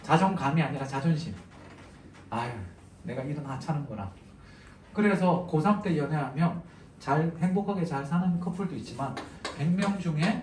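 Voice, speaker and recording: High-pitched guy teacher joking around mid lecture, kinda far off mic, echoey noisy room. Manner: chatty, jokey, asks students questions. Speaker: Korean literature teacher. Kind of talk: casual lecture to exam students.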